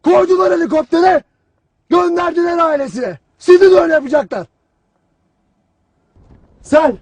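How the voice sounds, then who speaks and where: An actor playing a stern, harsh army commander who berates his soldiers in a cold, clipped, shouted delivery. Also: very high-pitched, normal speed. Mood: lecturing. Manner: cold, relentless, clipped questioning. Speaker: military commander. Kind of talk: film drama acting.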